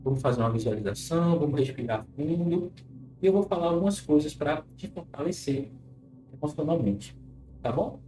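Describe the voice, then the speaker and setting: A man's voice: a little high, lively intonation, moderate pace, warm tone. A Brazilian man speaking as a therapist and hypnosis teacher, reassuring and instructive as he leads an informal guided self-care session. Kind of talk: informal live talk moving into guided relaxation. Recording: roomy echo with faint music.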